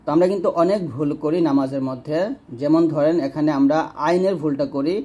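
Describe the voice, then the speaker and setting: A man teaches Quran recitation, his voice sitting a little high for a man. He explains each sound patiently and stretches the recited words out slowly so every letter can be heard. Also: dark tone. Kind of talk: instructional lesson with recitation.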